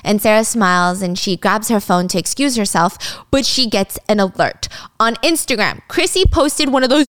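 A woman narrating a drama recap in a lively, gossipy way, swearing now and then. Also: medium pitch, normal speed, hardly any pauses, no echo, studio quality. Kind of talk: casual story narration.

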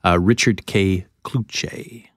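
Male radio co-host, very low voice, upbeat, dry booth. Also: steady tone, slow pace, no echo. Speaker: news show co-host. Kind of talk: casual radio banter. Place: radio studio.

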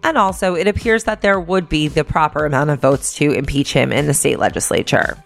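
A woman's voice: sits low, fairly quick, creaky, faint music behind. A woman hosting a news podcast, reading scripted briefings and sponsor copy in an informal, wry manner.

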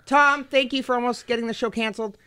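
Bright-voiced, effusive woman hosting comedy radio. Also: fairly high pitch, steady tone, fast. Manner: effusive, joking, self-deprecating. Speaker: radio show host. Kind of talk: comedy talk show chat. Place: radio studio.

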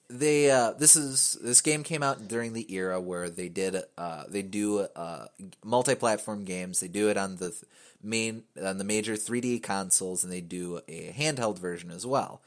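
A man's voice: fairly low pitch, fairly bright tone. A man hosting a casual podcast chat about a video game, wry and rambling, with a lot of fillers and restarts. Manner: wry, joking. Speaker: podcast host.

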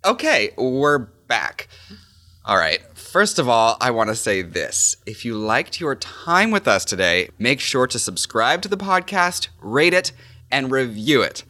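A man hosting a podcast, chatty and teasing, his voice jumping up on excited words. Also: medium pitch, unhurried, dry recording. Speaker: podcast host. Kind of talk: casual podcast interview.

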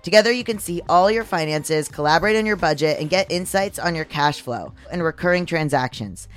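An androgynous, mid-pitched voice, deepened by testosterone and a little strained. The podcast host delivers scripted sponsor reads conversationally, slipping in personal asides, with music behind. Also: animated, fairly quick.

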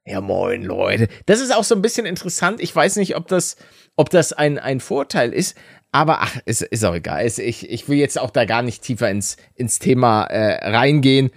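A man's voice: medium pitch, big pitch swings, moderate pace, vocal fry, no room sound, clean studio sound. A man from the Rhineland co-hosting a podcast, joking and teasing in casual banter. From Rhineland, Germany. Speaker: podcast co-host.

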